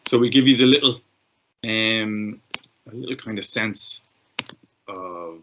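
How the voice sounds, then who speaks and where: A man's voice: on the low side, slow, background noise. An Irish man hosting an online information call, chatty and often restarting his sentences. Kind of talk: casual chat. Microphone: video call. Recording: muffled video-call audio.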